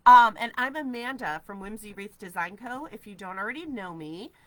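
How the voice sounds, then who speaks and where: Speaking at a normal speed in a mid-range, expressive voice, this woman in her forties from New Hampshire, USA, has a stuffy head cold but stays upbeat as she answers viewer comments on a casual craft livestream. She's in her craft studio with shelves of ribbon, and the camera-at-desk-distance recording is dry and poor in quality.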